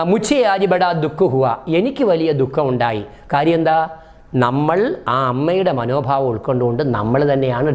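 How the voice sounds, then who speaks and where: A man from Kerala, teaching an exam-prep lesson and asking questions that he answers himself. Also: fairly high pitch. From Kerala, India. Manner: explanatory, asks questions and answers them himself. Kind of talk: exam-prep Hindi lesson, explained in Malayalam.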